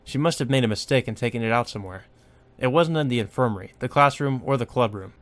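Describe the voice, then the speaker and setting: Reading a visual novel aloud, this fast-talking man adds informal commentary that sometimes includes swearing. He's a let's play host with a mid-range voice, and game music plays behind him.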